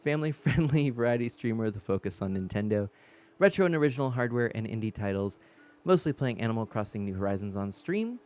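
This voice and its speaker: A man's voice: medium pitch, animated, fast, hardly any pauses, darkish tone, a little hiss or hum. Chatty, laughing male streamer. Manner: laughing, chatty, rambling sign-off. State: slightly out of breath, recovering from sickness. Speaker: streamer host. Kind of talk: casual stream chat.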